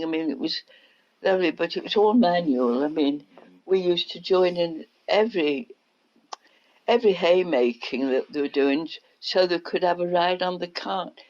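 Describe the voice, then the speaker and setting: An older woman, reminiscing in an oral history interview as an unhurried storyteller. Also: lowish voice, a little mellow. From England. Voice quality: unhurried storyteller, acts out quotes. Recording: dull lo-fi recording.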